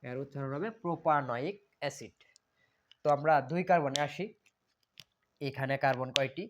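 A man's voice: medium pitch, moderate pace, fairly bright tone. A man teaches a chemistry lesson, asking questions and answering them himself, repeating key terms. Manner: repetitive, asks and answers own questions. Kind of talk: classroom lecture.

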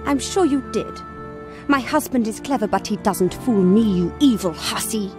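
A woman's voice: mid-range voice, animated, normal speed, natural voice. A woman voicing a jealous, scornful wife. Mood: accusing. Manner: cold, accusing delivery. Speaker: game character. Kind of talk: adventure game voice acting. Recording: game audio with music behind.

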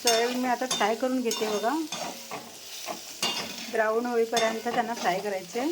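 A woman's voice: a little high, steady tone, moderate pace. A woman, explaining a home cooking recipe step by step and chatting to her parrot between steps. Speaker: home cook. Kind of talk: cooking demonstration. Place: home kitchen. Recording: loud kitchen noise. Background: sizzling pan and clattering pots.

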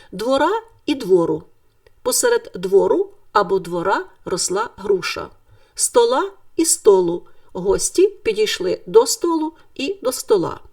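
A woman teaching a Ukrainian grammar lesson in clear, deliberate scripted speech, stressing the word endings. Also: mid-range voice, darkish tone, recorded from a distance.

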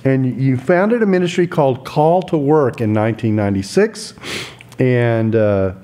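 Older man, podcast host, mellow dark voice, relaxed, says uh a lot, studio mic. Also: medium pitch, unhurried. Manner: relaxed, hesitant fillers, brief backchannels. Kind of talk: interview conversation. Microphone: studio mic on boom arm.

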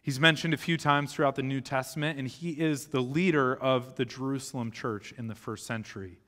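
A man's voice: mid-range voice, fairly even intonation, brisk, fairly bright tone. A man in his thirties, a pastor, giving a conversational teaching sermon on a church stage with a live audience. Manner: conversational teaching with occasional restarts, gesturing on stage. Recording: long hall reverb of a church sanctuary.

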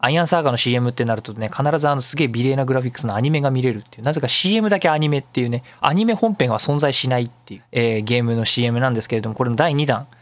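A radio host talks alone in a casual, chatty show, wandering off on tangents and explaining at length with self-mocking remarks. His medium-pitched voice races along very fast with few pauses, and there's no echo.

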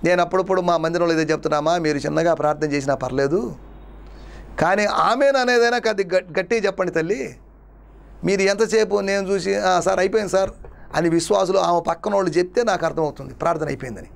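A man's voice: high-pitched, fast, vocal fry. A man preaching a sermon as a pastor, with dramatic repetition and rhetorical questions. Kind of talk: Telugu sermon.

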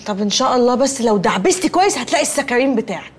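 A woman's voice: fairly high pitch, animated, very fast, slightly rough. An actress playing a cheeky, chatty young woman who wheedles and needles her cousin in Egyptian Arabic. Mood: wheedling. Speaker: cousin, comic film character. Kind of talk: Egyptian comedy film acting.

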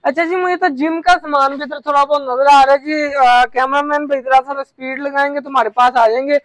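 A young man from Pakistan hosting a market tour vlog with a brisk, upbeat presenter manner, recorded outdoors in a warehouse yard on a lapel mic. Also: extremely high pitch, steady tone, a bit bright, no room sound. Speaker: vlogger host. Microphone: clip-on lapel mic.

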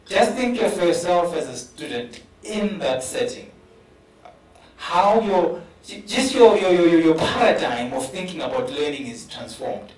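With big pitch swings and a measured pace, this slightly high male voice belongs to a South African English-accented professor on a conference panel. He speaks earnestly and often repeats words to build his point, holding a handheld mic, recorded at a distance in a roomy hall.

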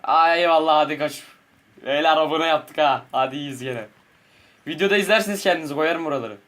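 A young man hosting a gaming video, chatting and laughing excitedly with friends as they play. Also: fairly high pitch, a little fast. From Turkey. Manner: excitable, laughing, joking with teammates. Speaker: gaming channel host. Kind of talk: casual gameplay commentary with friends.

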